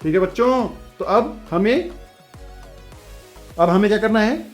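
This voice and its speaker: High voiced guy doing a chatty online physics class, soft music behind. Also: lively intonation. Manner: chatty, keeps asking "theek hai bachchon"; reads the question aloud slowly. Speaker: physics teacher.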